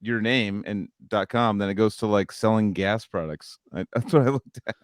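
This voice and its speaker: A man's voice: lowish voice, normal speed, dry recording, clean studio sound. A man with a Californian accent co-hosting a podcast in a casual, profane, slangy and jokey way. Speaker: podcast co-host. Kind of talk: casual chat.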